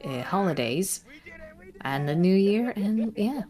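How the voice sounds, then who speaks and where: A woman's voice: medium pitch, lively intonation, takes it slowly, a crowd in the background. A woman guest on a livestream call, chatting casually in a self-effacing, apologetic way. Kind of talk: casual chat.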